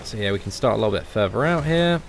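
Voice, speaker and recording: A young man giving casual game commentary as a boss guide, chatty and relaxed with lots of fillers. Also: on the low side, quick pace, creaky, a little hiss or hum. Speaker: gaming channel host.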